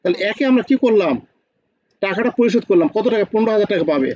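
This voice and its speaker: A man's voice: high-pitched, lively intonation, quick pace, darkish tone, dry recording, muffled recording. A man with a Bangladeshi Bengali accent teaching an online accounting class, often asking students questions and repeating key points.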